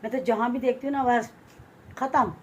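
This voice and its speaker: A middle-aged woman from Pakistan with a Pakistani Urdu accent, chatting casually in a family vlog at home and telling a story in an animated way, with lots of repetition for emphasis. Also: a little high, a little fast, lo-fi sound, noisy background. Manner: frightened and fretful at first. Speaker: vlogger. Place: home, moving between rooms and a balcony.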